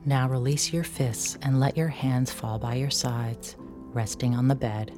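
Low-voiced woman narrating sleep relaxation. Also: steady tone, music in the background. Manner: soothing, unhurried instructions with gentle pauses. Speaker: relaxation exercise instructor.

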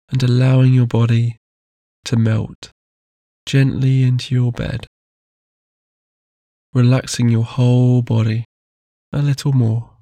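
A man guiding a sleep meditation in a slow, soft, soothing way. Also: medium pitch, dry recording.

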